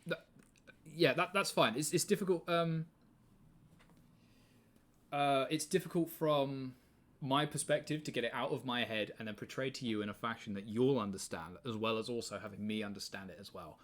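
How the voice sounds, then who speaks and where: A man's voice: mid-range voice, normal speed. A man in his twenties with an English accent, hosting a live stream in casual chat, rambling, swearing freely and laughing often. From England. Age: 20s.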